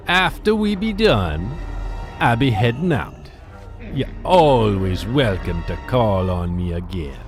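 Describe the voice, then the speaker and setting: A man's voice: lowish voice, very animated, slow pace, soft background music, voice pushed down. A man voicing a sly male troll spirit of death who trades in souls, in a drawling dialect, reading game dialogue. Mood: smug. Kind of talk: reading game quest text aloud in voice.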